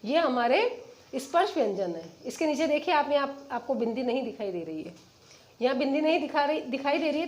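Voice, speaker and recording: A woman with a high voice teaches a lesson, working through a chart. She names each letter slowly and often puts a question to her students before she gives the answer herself. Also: a little mellow. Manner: says the letters slowly one by one.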